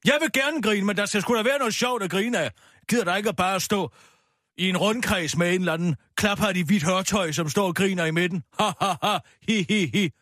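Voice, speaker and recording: A man's voice: high voice, a bit bright, no echo, studio quality. A man playing a grumpy, pessimistic middle-aged woman who rants scornfully and swears a lot in a radio comedy sketch. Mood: indignant. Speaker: comic radio character.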